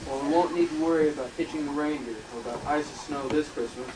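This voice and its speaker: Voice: mid-range voice, quick pace, natural voice. Grumbling old Santa Claus acted by a woman, amateur Christmas play, echoey room, distant mic. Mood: grumpy. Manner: grumbling, complaining. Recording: noisy echoey tape from far off.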